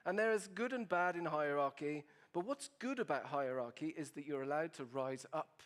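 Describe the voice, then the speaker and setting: Speaker with an Italian accent, higher male voice, playful and teasing with the crowd, keynote delivery. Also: normal speed. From Italy. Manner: playful, asks the audience questions. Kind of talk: humorous presentation to an audience.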